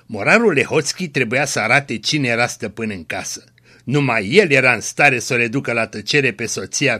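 A man reading a story aloud in a steady, measured way. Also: mid-range voice. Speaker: reader.

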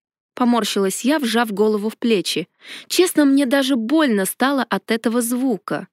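A woman narrating a fantasy storybook in a lively first-person telling. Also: fairly high pitch, normal speed, no echo, studio quality. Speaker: audiobook narrator.

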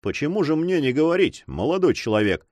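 A man voicing a stern, seasoned male buccaneer captain in an audiobook, proud and quick to anger. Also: on the high side, very animated, darkish tone, no room sound, pitched above the performer's own voice. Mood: indignant.

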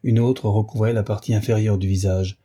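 A man giving a grave, measured narration of a novel as an audiobook. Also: fairly low pitch, fairly even intonation, mellow, husky. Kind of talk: scripted narration.

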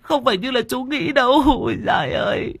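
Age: older. Figure: a sobbing old woman. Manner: stammering, high and shaky. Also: a little fast, husky, no echo, clean studio sound. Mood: wailing. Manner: stammering, wailing, pleading. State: crying. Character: guilt-ridden older woman, sobbing and begging. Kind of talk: audiobook character voice.

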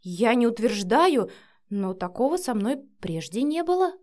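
Prim careful nanny lady in an audiobook, dry and measured, a bit high, as a woman reads her. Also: very animated, a little mellow. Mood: guarded. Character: cautious middle-aged nanny woman, prim and dignified. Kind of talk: audiobook character voice.

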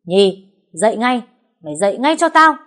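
A woman voicing a furious, domineering older father who shouts harsh commands. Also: mid-range voice, sing-song, normal speed. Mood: roaring.

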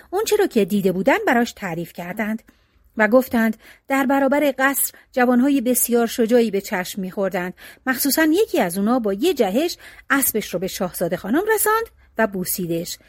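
A woman storyteller reading a folk tale aloud in an expressive, lilting narration. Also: a little high, no room sound, studio quality.

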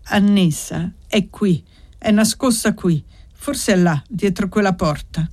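A woman's voice: mid-range voice, takes it slowly, a little mellow. A woman voicing an angry, jealous young male servant in an audiobook, bitter and insistent.

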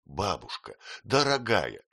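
A man's voice: sits low, huge pitch swings, slow pace, gravelly, bright, forceful tone, dry recording, clean studio sound, heavily acted. A man reading an audiobook, voicing an earnest young man in love who protests fervently.

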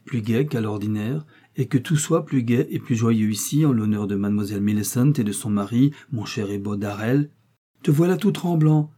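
A man voicing a bossy, domineering middle-aged wife who fires off sharp, impatient questions. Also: medium pitch, husky.

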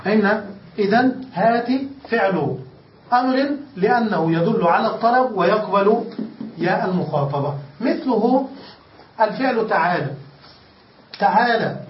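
A man's voice: high voice, expressive. A man teaching Arabic grammar as a sheikh, explaining step by step, drawing out key words and often checking that the class has understood. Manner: stretches key words slowly for emphasis. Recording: distant, echoey, dull lo-fi room recording with faint hiss.

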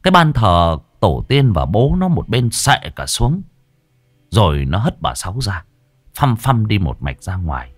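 A man narrating a dark story in a vivid, emphatic storytelling style. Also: lowish voice, very animated, unhurried, slightly rough, no echo. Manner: vivid, emphatic, rising with the action. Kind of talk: dramatic horror-story narration.

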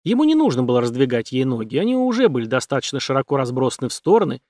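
A man narrating an audiobook in a steady, dramatic reading. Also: medium pitch, racing, no room sound, studio quality. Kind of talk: scripted narration.

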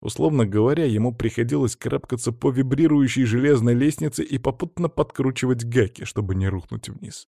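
A man narrating a first-person audiobook in a wry, lively storytelling manner. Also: mid-range voice, brisk, gravelly, few pauses, no echo, studio quality.

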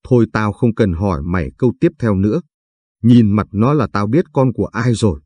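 A man voicing a brash, excitable young woman who fires off blunt questions in slangy talk. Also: on the low side, breathy edge, dry recording. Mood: teasing. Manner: blunt, rapid-fire questions, crude slang.

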